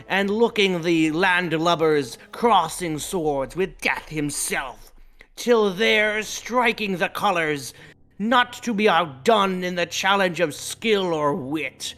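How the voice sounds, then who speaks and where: A man's voice: on the high side, creaky, sharp tone, exaggerated voice. A man voicing a boisterous pirate storyteller, reading in theatrical pirate talk.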